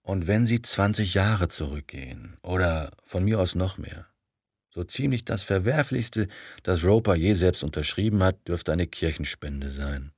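A man voicing Burr, a forceful, husky spymaster. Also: sits low, expressive, a little slow, dry recording, clean studio sound, exaggerated voice. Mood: confiding. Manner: aggressive, emphatic.

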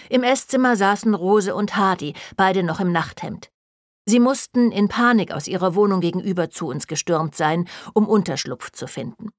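A woman's voice: medium pitch, no echo. Woman narrator, wry first-person audiobook reading, dry close mic. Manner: wry, even storytelling.

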